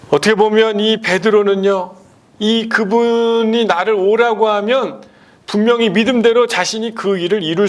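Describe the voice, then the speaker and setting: A male pastor preaching a sermon, asking the congregation rhetorical questions and swinging between loud and hushed delivery. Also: high voice.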